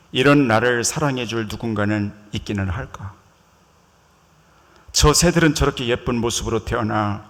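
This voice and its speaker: A pastor voicing a lonely, self-pitying young ugly duckling that murmurs to itself, in a storybook told from the pulpit. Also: male voice, fairly low pitch, gravelly, pitched below the performer's own voice. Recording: reverberant church hall.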